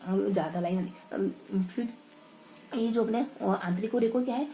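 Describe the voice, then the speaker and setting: A woman revising her notes aloud in a casual study session, thinking out loud and stumbling over half-remembered words. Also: medium pitch, moderate pace, slight background noise, rough recording.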